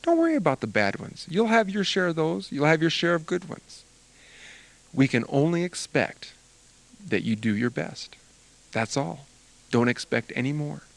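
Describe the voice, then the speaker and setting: A man's voice: fairly high pitch, normal speed, creaky, poor audio. An older man, a music teacher, giving an earnest, encouraging talk to students about performing. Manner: earnest, encouraging, animated delivery.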